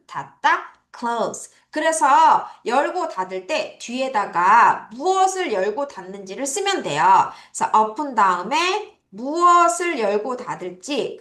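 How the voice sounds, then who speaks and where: A woman's voice: sits high, a bit bright, roomy sound. A woman teaching English vocabulary to children in a recorded online lesson, drilling pronunciation with repeat-after-me calls.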